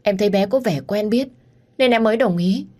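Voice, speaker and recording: A woman's voice: lowish voice, normal speed, a little mellow, breathy edge. A woman voicing a flustered, apologetic young female schoolteacher in an audio story. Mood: tearful pleading. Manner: anxious, pleading, polite.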